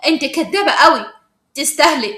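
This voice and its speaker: A woman's voice: sits high, expressive, quick pace, bright, forceful tone, echoey room. A woman with an Egyptian accent voicing a firm, principled teenage schoolgirl who answers in a curt, indignant way. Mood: accusing. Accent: Egyptian Arabic.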